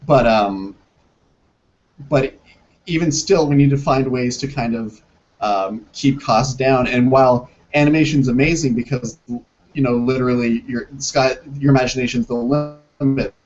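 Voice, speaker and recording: A man talks over a video call, and the dull lo-fi connection softens his voice. He has an ordinary mid pitch. He stops often to look for words and restarts his sentences as he explains his plans as a filmmaker. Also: a little slow. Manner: hesitant, many restarts and fillers. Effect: heard over a video call that breaks up. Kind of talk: interview conversation. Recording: muffled lo-fi video call audio.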